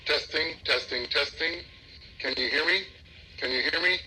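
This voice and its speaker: Man through a bright camera speaker. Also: fairly high pitch, a little hiss or hum, low-quality recording. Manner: slow, deliberate, repeating each line. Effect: heard through a security camera's small speaker. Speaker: product reviewer. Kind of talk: repeated test phrases for an audio check.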